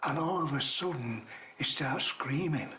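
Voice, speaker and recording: An older man, a retired coal miner telling mining stories in a halting, dialect-rich way. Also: a little high, slight background noise. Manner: halting, dialect-rich, acts out shouts in his tales. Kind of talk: casual reminiscing storytelling.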